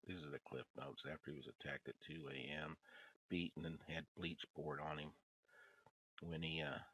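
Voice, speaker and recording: An older man with a folksy, rambling grandpa voice, gravelly and husky, casually reading news headlines and commenting on them. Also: very deep voice, fairly even intonation, moderate pace, a bit bright, no room sound, rough recording.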